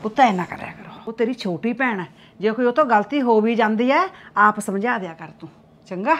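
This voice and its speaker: A woman's voice: a little high, fairly quick, a bit bright, lo-fi sound, lightly acted. A woman playing a coughing, fussing old mother-in-law. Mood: fretful. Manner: scolding, pleading peacemaker. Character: older woman, fussing mother-in-law of two bickering daughters-in-law. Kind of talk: amateur village short-film acting.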